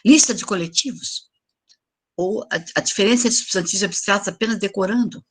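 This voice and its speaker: A woman's voice: mid-range voice, a little fast, husky. An older woman giving an online lecture to teachers, explaining examples and asking for the next slide. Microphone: video call.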